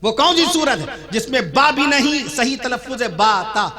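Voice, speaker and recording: A man preaching a sermon at a religious gathering, rousing and repetitive, calling on the crowd to respond. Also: very high-pitched. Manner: rousing, calls for crowd responses, repeats phrases. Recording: loud crowd behind.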